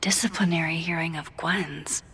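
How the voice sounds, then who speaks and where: In a low, husky voice that is pushed and bright, steady in tone and moderate in pace, an actress fully voices a character: a wry, introspective young woman from a naturalistic video game. Her delivery is understated and hesitant, and she sounds musing and curious.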